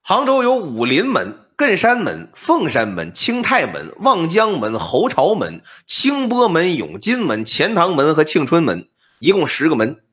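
A man telling an old ghost story on a podcast, explaining details in an animated, comic patter. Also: a little high, measured pace. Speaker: storyteller, co-host.

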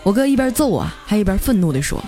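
A woman hosting a comic storytelling show in a chatty, lively manner. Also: mid-range voice, soft background music. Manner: lively, chatty, drawn-out particles. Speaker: radio story host.

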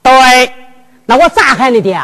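A bewildered young prince who fumbles and stammers over his words in a Henan accent, as a woman storyteller plays him. The voice sits high and lively, ringing in a reverberant hall with music. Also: a little slow.

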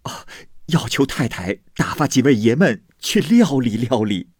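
Guy doing a panicky old maid servant, high and wailing, kinda husky. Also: big pitch swings, unhurried, darkish tone, no room sound, clean studio sound. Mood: panicked. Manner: frantic, wailing, high-pitched. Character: flustered old female servant, panicky and blunt.

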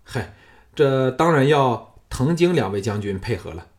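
A man voicing a young, proud and scheming king who is uneasy before his general, speaking in a raised, forceful voice in an audiobook. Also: medium pitch, expressive, unhurried, voice pushed up.

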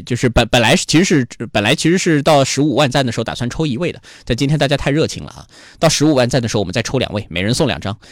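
Male livestream host, lively pitch, dry close sound, chatty explainer with frequent restarts. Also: dry recording. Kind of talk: live-streamed music talk show.

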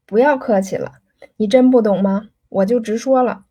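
A woman's voice: fairly high pitch, normal speed, warm tone, husky. A woman voicing an insistent young rich man who keeps pressing a girl for an answer, pleading and pushy.

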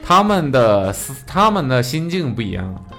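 A woman in casual chat, reassuring and teasing with quick questions. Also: extremely low pitch, big pitch swings, over music.

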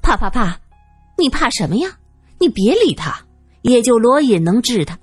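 A woman's voice: fairly high pitch, very animated, normal speed, breathy edge, no room sound, soft background music, pitched above the performer's own voice. A woman voicing a blunt, impatient young woman. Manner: sharp, impatient. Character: proud young woman, blunt and quick to anger.

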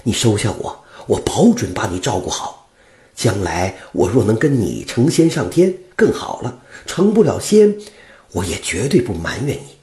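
A man's voice: on the low side, big pitch swings, moderate pace, warm tone. A man voicing a kind-hearted young butcher who talks earnestly and stammers a little. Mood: pleading.

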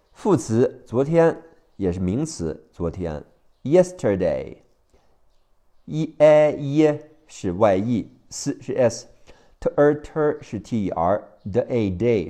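A man with a Mandarin Chinese accent teaching English vocabulary by phonics, spelling each word letter by letter and repeating it slowly. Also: lowish voice, darkish tone.

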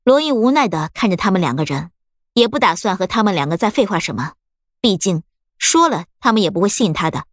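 A woman narrating an audiobook story in a steady, expressive storytelling manner. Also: medium pitch, brisk, no echo, clean studio sound.

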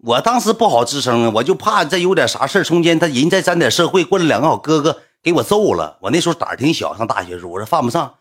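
A man in his 20s tells a story casually, chatty and colloquial, acting out the quotes as he goes. His voice sits on the high side and sounds husky and animated, and he talks fast with few pauses.

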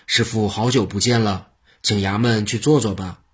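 A storyteller voicing a blunt county constable in a firm, official manner. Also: male voice, on the low side, fairly even intonation, normal speed, husky.

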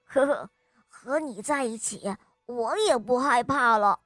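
A woman's voice: fairly high pitch, unhurried, dry recording, studio quality, soft background music. A woman doing a small shy storybook lion. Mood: gentle. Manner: gentle and hesitant, loud when defending friends. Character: small timid lion cub who grows brave. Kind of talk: storybook character voice.

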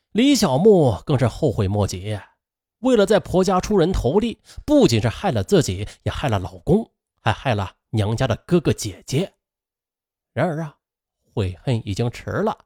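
A man's voice: fairly high pitch, no room sound, clean studio sound. A man telling a true-crime story with many conversational asides and a strongly rising and falling delivery. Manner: lively rise and fall, chatty asides.

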